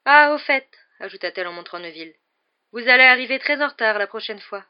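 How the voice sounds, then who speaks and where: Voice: medium pitch, fast, muffled recording, pitched above the performer's own voice, lightly acted. A reader voicing a dramatic, mournful older woman fortune-teller in an audiobook, speaking in a theatrical, wailing manner. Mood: haughty. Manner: theatrical, wailing, breathy dread.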